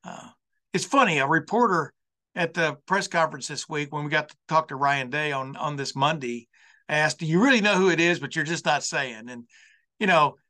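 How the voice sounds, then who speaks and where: On a college football program, the host talks off the cuff at a moderate pace, his pitch fairly high and his tone sharp. The monologue rambles in a folksy way, frequently looping back over phrases.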